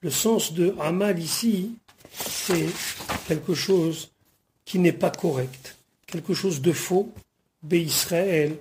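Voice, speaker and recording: A rabbi leads a verse-by-verse study lesson in a mellow, warm voice. He reads short Hebrew phrases and then patiently unpacks each one, explaining the grammar along the way. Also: sits high. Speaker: rabbi teaching the weekly Torah portion.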